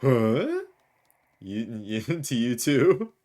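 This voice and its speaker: A male game streamer with a low voice speaks slowly in let's-play commentary, reading game dialogue aloud. He's jokey and rambling, giving the lines little character voices.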